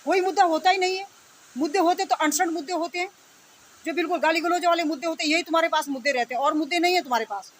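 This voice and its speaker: A woman's voice: extremely high pitch, racing. A woman delivering an unscripted, indignant rant, scolding and confronting her opponents with repeated phrases and rhetorical questions. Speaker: online video commentator. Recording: steady background noise.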